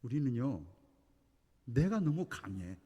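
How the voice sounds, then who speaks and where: A male pastor preaches in a husky voice that rises and falls widely in pitch. He tells his story with great animation, dropping to a near-hush and then pushing hard for emphasis. His voice carries a long reverb from the church hall. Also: slow pace, highs cut off. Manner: animated storytelling, swinging between hushed and emphatic delivery. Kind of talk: sermon. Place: church sanctuary.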